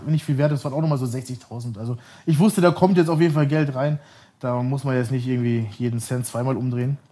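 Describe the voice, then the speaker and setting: A man's voice: medium pitch, fairly even intonation, quick pace, warm tone, slightly rough. A man in his thirties, a podcast guest telling long stories in a rambling, casual way, often laughing and correcting himself. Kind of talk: casual storytelling.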